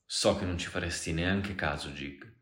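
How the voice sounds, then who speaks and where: A man with a very deep voice reading the part of an American man who talks in a reassuring, persuasive way. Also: normal speed, a bit bright, roomy sound. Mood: coaxing. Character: American man, coaxing and insistent.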